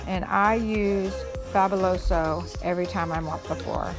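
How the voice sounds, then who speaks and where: A woman's voice: mid-range voice, fairly even intonation, normal speed, music in the background. Chatty woman in her forties, casual narration. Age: 40s. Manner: chatty, apologetic, explains as she goes. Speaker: cleaning vlogger. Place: home kitchen and living room.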